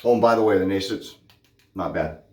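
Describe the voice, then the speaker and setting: A man in his thirties who makes shaving videos speaks fairly quickly in a deep voice, with background noise, from a small echoey bathroom at home. His casual chat to camera is goofy and hyper, full of self-corrections.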